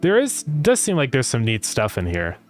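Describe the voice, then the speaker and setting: A man's voice: mid-range voice, huge pitch swings, normal speed. A man chatting casually as a game developer livestreamer, rambling as he thinks aloud, his speech slightly slurred by retainers. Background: music.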